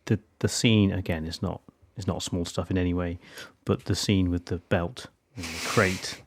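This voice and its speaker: A man's voice: sits low, steady tone, normal speed, breathy edge. A man co-hosting a casual film podcast, rambling and often restarting his sentences. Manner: rambling, self-interrupting. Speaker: podcast co-host.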